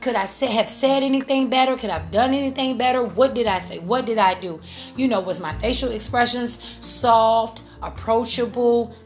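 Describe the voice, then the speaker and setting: An upbeat woman hosting her own solo podcast, speaking in a fairly high voice. She talks in a chatty, self-reflective way, with soft music playing behind her. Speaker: podcast host.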